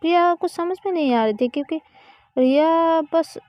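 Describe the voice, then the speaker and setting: A woman narrating a serialized romance story in a slow, repetitive way with frequent self-corrections. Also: very high voice, no echo, highs cut off.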